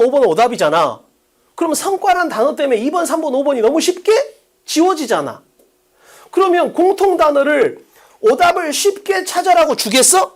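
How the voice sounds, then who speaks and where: Male teacher, middle-aged, lively pitch, lecturing, rhetorical questions. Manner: animated, rhetorical questions to students. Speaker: English teacher. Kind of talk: lecture to students.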